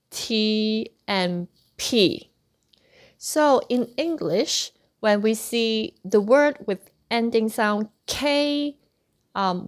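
A woman teaching an online language lesson, patiently repeating sounds for practice. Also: fairly high pitch. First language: Cantonese. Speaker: Cantonese teacher.

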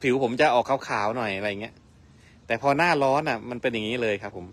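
A man's voice: mid-range voice, fast, fairly bright tone. A man in his fifties hosting a live stream, chatting politely with viewers as he moves around outdoors. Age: 50s. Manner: polite, chatty, often ends with "krap phom". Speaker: livestream host. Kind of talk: casual live-stream chat.

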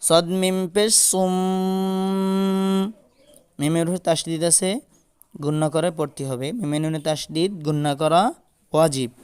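A man's voice: fairly high pitch, steady tone, measured pace, long pauses, clear, resonant tone. A man teaching Quran reading, spelling out each letter and vowel mark and then chanting the joined syllable drawn out, with short rule explanations between drills. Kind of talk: slow spelled-out Quran recitation lesson.

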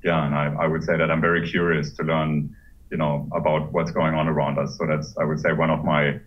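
A man in his forties from Germany, speaking in a measured, thoughtful way with many pauses as a guest on a video-call interview. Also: a bass voice, flat delivery. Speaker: pharma executive guest. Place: home room with high ceiling. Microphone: laptop webcam mic on a video call. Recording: muffled, distant video-call audio.

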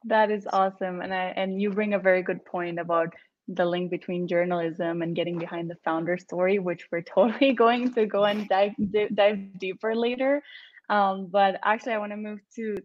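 A woman's voice: mid-range voice, fairly even intonation, normal speed. A young woman moderating a video-call panel, upbeat and enthusiastic as she hands over to each guest. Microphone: video call webcam. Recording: dull, dry lo-fi call audio.

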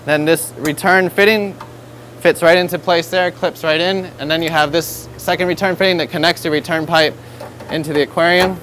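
A man's voice: fairly high pitch, fairly even intonation, moderate pace, a bit bright, a little hiss or hum. Upbeat American man demoing aquarium plumbing. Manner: upbeat, instructive. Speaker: aquarium store host. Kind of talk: product demonstration tutorial. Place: aquarium store showroom.

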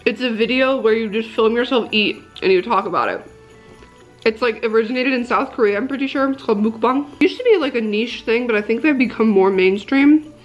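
Bubbly woman vlogger, kinda high voice, says like a lot, soft music under it. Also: a little fast, highs cut off. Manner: chatty and upbeat, lots of "like" fillers, laughs often. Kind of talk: casual vlog chat with a sponsored product segment. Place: her mom's craft room, indoors.

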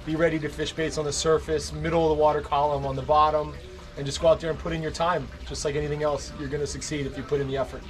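A man who is a fishing captain gives tips in a matter-of-fact way. His delivery is quick and level. He sounds a bit high. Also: flat delivery. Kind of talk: casual advice.

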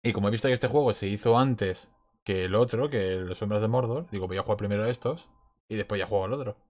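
A man's voice: on the low side, fast talker, darkish tone. A man giving casual let's play commentary as he plays a video game. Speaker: gamer. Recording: game noise behind the voice.

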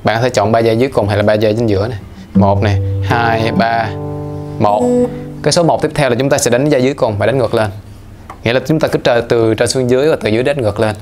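A man's voice: medium pitch, quick pace, darkish tone. A man teaching guitar in a casual, playful way, counting the beats aloud as he explains. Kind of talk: casual instructional talk. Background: guitar playing.

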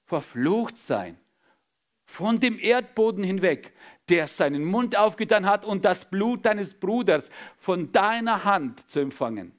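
Preacher voicing God, slow and solemn. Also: male voice, high-pitched, full character voice. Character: God pronouncing a solemn curse.

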